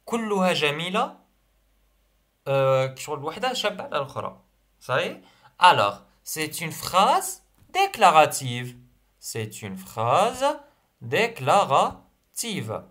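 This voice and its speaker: A young man with an Algerian accent, teaching a primary school French revision lesson. He reads each sentence slowly, repeats it, and then translates it. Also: fairly high pitch, wildly swooping pitch, a bit bright.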